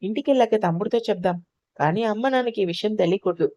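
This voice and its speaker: A woman voicing a calm, protective young sister-in-law who talks in a steady, reassuring way in an audio story. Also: mid-range voice, quick pace, no room sound, clean studio sound, natural voice. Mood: earnest.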